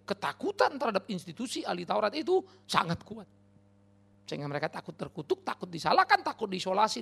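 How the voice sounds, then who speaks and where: A man preaching a passionate sermon, swinging from quiet, low remarks to loud, high exclamations, with mocking quoted voices. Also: gravelly. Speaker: pastor.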